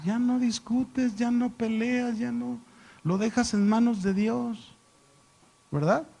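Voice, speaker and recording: A man teaching a Bible class, chatty and animated. He keeps quizzing his listeners with rhetorical questions and joking with them. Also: very high-pitched, takes it slowly, creaky. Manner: animated storyteller, jokes with listeners. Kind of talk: conversational Bible lesson to a class. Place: church classroom with a live audience.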